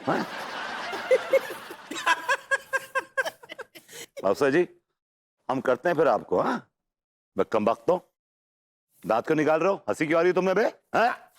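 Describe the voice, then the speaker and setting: A bluffing, scolding man in a TV sitcom. His voice sits a little high and swings widely up and down as he rants. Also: big pitch swings, a little fast, long pauses, dry recording. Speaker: sitcom character. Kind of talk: TV sitcom acting.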